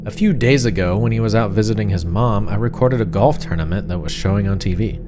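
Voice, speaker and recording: A man narrating a horror story in the first person as a frightened, suspicious wife, confiding and uneasy, with deliberate pauses. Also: lowish voice, close to an everyday voice. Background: music.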